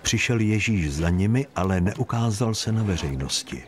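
Deep-voiced male Bible narrator. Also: very noisy. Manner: steady, even storytelling. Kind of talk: scripted Bible story narration.

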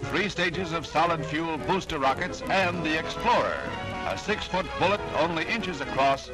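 A male newsreel narrator from the 1950s delivers scripted lines with dramatic, declamatory weight. His voice sits a little high for a man. Loud orchestral music runs under the old newsreel soundtrack. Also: lively intonation, normal speed, poor audio.

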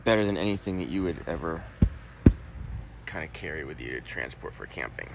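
Rumbling low and brisk with vocal fry, this man's voice sits under heavy background noise. As a product reviewer, he handles a rooftop tent and explains it casually on handheld phone footage shot outdoors beside a car and then inside the tent.

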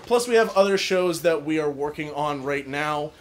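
A man's voice: a little high, normal speed. A man giving a casual, jokey, rambling closing speech to an audience as the stage director of a show. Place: live venue with an audience.

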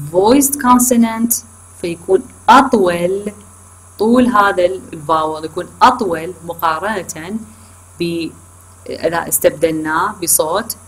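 A woman lecturer with an Iraqi Arabic accent explains a topic in a recorded online class. Her voice sits a little low and carries a husky, breathy texture. She corrects herself as she goes, slips English terms into her Arabic, and stops to ask her students whether they follow. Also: poor audio. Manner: addresses students directly with check-in questions. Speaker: university lecturer.

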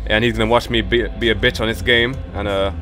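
A man's voice: on the low side, level tone, fast talker, sharp tone. A man hosting a gaming channel, giving jumpy live commentary on a horror game and cursing as he goes. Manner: jumpy, swearing, talks to himself while playing. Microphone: headset with headphones in. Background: horror game music.

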